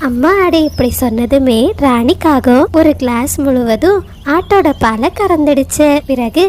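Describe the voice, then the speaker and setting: A woman narrating a children's cartoon story in a steady storytelling manner. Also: sits high, unhurried, slight background noise.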